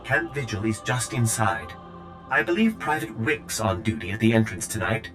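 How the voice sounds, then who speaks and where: A prim male droid, voiced by a man, speaks in a too-smooth android voice, low and glossy, though his pitch rises and falls a lot. His delivery stays clipped and correct, like a well-mannered servant machine in a video game. Game music plays clearly behind him. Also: animated, normal speed, natural voice. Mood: brisk. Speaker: game character.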